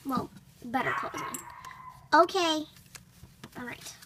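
A young girl voicing an easygoing, hesitant father in dollhouse play, muttering in a low-key way. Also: slow pace, very noisy. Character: doll father, easygoing, hesitant grown man.

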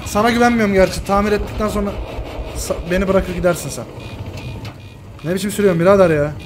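A man commentating his own shooter gameplay, excitable, swearing and shouting at his teammates. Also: high voice, quick pace, noisy background. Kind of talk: live gaming commentary.

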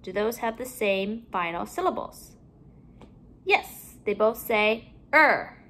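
A woman teaching a phonics lesson to young children from home, saying each word slowly and with careful, stretched-out enunciation. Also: mid-range voice, animated, a bit bright.

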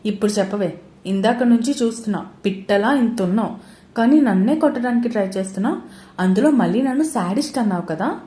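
A woman's voice: mid-range voice, lively intonation, a little fast, dark tone, roomy sound, natural voice. A woman reading the part of a playful, teasing young husband in a spoken romance story. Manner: mocking, bossy teasing.

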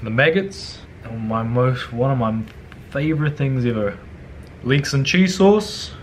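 A young cooking vlogger from New Zealand speaks with lively intonation and a slightly slow pace as he works through a tutorial in his home kitchen. Slangy and casually swearing, he often slips into low mutters over slight background noise.

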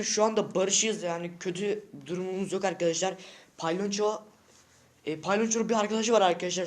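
A high-voiced male vlogger rants at his viewers from home, agitated and emphatic. He piles on slang and circles back to the same short lines over and over, talking casually and off the cuff. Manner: agitated, keeps repeating short phrases and calling out to viewers. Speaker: vlogger addressing subscribers. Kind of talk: unscripted casual vlog rant. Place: at home indoors.

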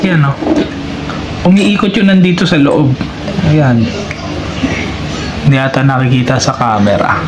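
A Filipino DIY motorcycle vlogger of unclear sex works at a tabletop indoors, giving a casual step-by-step tutorial. The voice is medium-pitched and unhurried with frequent pauses, and the roomy recording is very noisy with loud clinking of handled metal parts.

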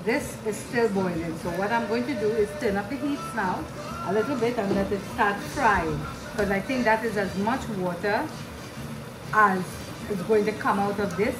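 Speaking at a moderate pace in a mid-range voice, a home cook from southern Trinidad, about sixty, gives a casual cooking demonstration. Her chat is homely and repetitive, and the recording picks up an echoey kitchen with music in the background.

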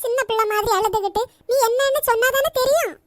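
A woman plays a very high, shrill old grandmother in a cartoon, fussing over her grandchild and scolding the boys. The sound is dry and close. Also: quick pace, dry recording. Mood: coaxing. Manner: coaxing, scolding in turns. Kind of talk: cartoon voice acting.

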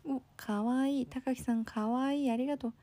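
A young Kansai-accented woman hosts a casual livestream, reading comments and thanking viewers often while sounding a bit sleepy. Her voice sits high and warm, fairly quick, with fairly even intonation and a bubbly manner.

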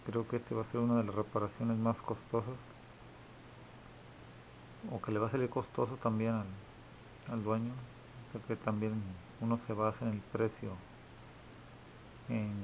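Using a lowish voice with little pitch movement, a repair technician talks at a measured pace with long pauses during an informal indoor demonstration. The handheld camera microphone yields dull lo-fi audio with clear background noise.

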